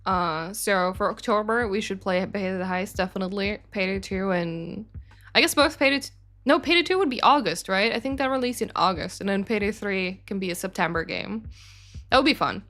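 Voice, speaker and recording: With a medium-pitched, slightly bright voice that runs a little fast, a young woman from Sweden reads out viewer questions on a livestream. As the game studio's community manager, she answers in a meandering way, full of fillers and corrections of herself.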